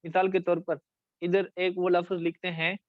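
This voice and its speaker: In a high, flat voice with a Pakistani Urdu accent, a teacher lectures his class on essay writing, and the recording is dry, close, a little muffled and dull, with no room sound. Speaking directly to the students, he frequently checks whether they understand and slowly stretches words out to reveal their syllables.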